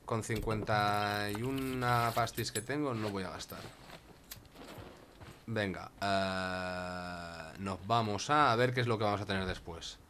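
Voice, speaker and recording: A man's voice: on the low side, fairly bright tone, a little hiss or hum. A man with a Spain Spanish accent giving casual gameplay commentary, chatty and talking to himself and his cat. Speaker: gaming YouTuber.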